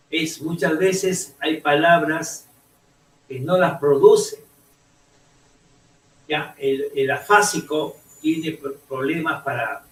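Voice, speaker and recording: A male teacher gives a slow, halting classroom lecture in a somewhat high voice, often restarting phrases and checking that students follow. The sound bounces around a roomy classroom. The mic sits well away from him. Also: a bit bright, recorded from a distance. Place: echoey classroom.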